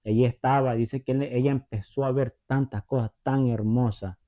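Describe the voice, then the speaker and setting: Man, preacher, conversational Bible teaching, tag questions, mid pitch, tinny phone-like audio. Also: fairly even intonation, normal speed. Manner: chatty, checks in with tag questions; retells stories, acting out the voices.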